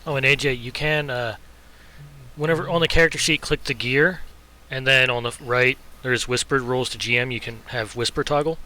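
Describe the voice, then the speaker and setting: A man playing a tabletop game, explaining software settings and teasing friends. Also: medium pitch, steady tone, fairly quick. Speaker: player. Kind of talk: casual tabletop play.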